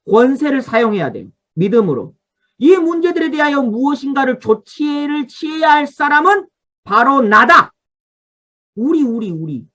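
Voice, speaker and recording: A woman pastor with a slightly high, fairly bright voice guides an online revival Bible study on a video call. Using a study guide, she teaches, tells listeners which parts to underline, and asks the congregation to respond.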